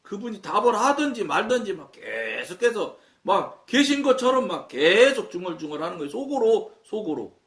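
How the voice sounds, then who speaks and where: Lively high-voiced Korean preacher, echoey. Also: male voice, normal speed, hardly any pauses. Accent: Chungcheong Korean. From Chungcheong, Korea. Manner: storytelling, acting out dialogue. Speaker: pastor. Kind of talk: sermon talk. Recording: echoey room, mic at a distance.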